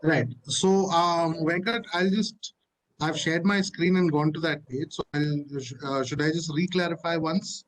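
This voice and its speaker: Man, slightly high voice, halting presenter demoing software on a video call. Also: fairly even intonation, rough recording. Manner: halting, with many fillers and restarts. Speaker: platform presenter. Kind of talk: live webinar walkthrough.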